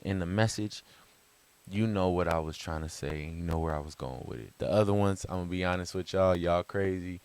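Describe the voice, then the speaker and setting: A man talking to camera in a casual motivational monologue, rambling with restarts and chuckles, swinging from loud high bursts to soft low murmurs. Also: clean tone, no echo. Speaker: vlogger.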